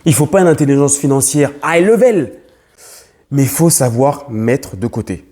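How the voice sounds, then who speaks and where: A man's voice: mid-range voice, lively intonation, moderate pace, dark tone. Young man, investor vlogger, emphatic, repeats himself, restarts, fillers. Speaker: real estate investor vlogger. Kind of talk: talking to camera as a lesson.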